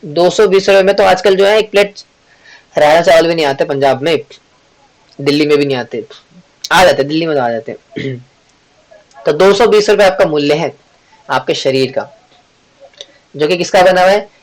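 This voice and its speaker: A man teaching a devotional scripture class in a chatty, joking way. He asks the class questions, answers them himself and clears his throat often. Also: a little high, normal speed, long pauses, low-quality recording. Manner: joking, chatty, teasing the audience. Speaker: Bhagavad Gita class teacher.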